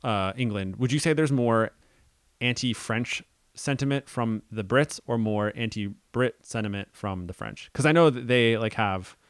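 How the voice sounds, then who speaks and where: A man's voice: medium pitch, normal speed, no room sound, clean studio sound. A young man co-hosting a casual podcast about a film adaptation, thinking aloud with many ums and restarts. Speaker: podcast co-host.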